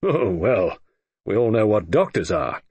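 A man reading an audiobook, voicing a gruff, blustering old retired admiral who speaks in brusque, clipped grumbles. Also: fairly low pitch, very animated, measured pace, darkish tone, no echo, exaggerated voice.

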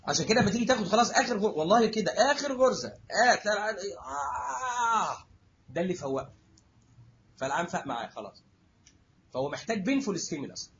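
Fast, high-voiced Egyptian man lecturing. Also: very animated, highs cut off, a little hiss or hum. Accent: Egyptian Arabic. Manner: jokey, acts out little scenes, addresses students directly. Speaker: surgery lecturer. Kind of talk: lively classroom lecture.

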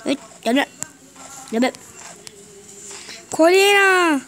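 A young woman streaming a game from her bedroom, excitable, with frustrated muttering and mild swearing. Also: high voice, unhurried, a little hiss or hum. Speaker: gaming channel host. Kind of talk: casual gameplay commentary. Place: bedroom at home.

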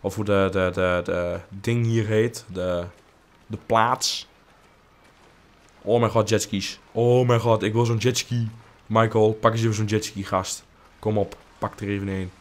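A man's voice: fairly low pitch, fairly even intonation, a little slow. A man doing casual let's play commentary, joking crudely and humming silly tunes while he plays.

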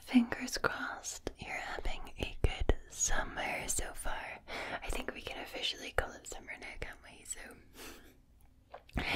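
A young woman hosting ASMR in a whisper, speaking intimately and affectionately to the listener, very close to the microphone. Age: young adult. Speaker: ASMR video host.

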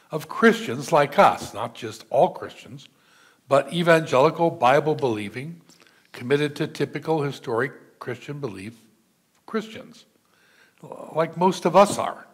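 An older man, a pastor, preaching a measured sermon from a church pulpit and reading scripture aloud. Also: fairly high pitch, expressive, breathy edge. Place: church sanctuary. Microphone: pulpit mic, seen from far camera.

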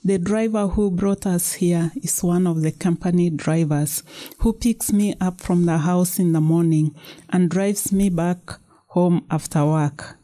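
A woman's voice: lowish voice, measured pace, mellow, natural voice. A woman reading the part of an anxious young career woman pleading earnestly with her parents.

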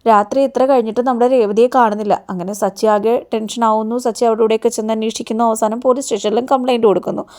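Fast-talking woman recapping a serial. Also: fairly high pitch, fairly even intonation, darkish tone. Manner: storytelling, often tags sentences with a chatty aside. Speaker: serial episode reviewer. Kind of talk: rapid recap narration of a TV serial.

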